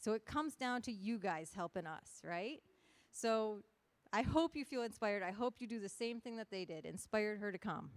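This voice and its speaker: A woman's voice: medium pitch, animated, normal speed, dry recording. Chatty emcee woman, dry close sound. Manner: chatty, joking, rallying the audience. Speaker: emcee of a costume contest. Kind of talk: lively stage hosting to a crowd.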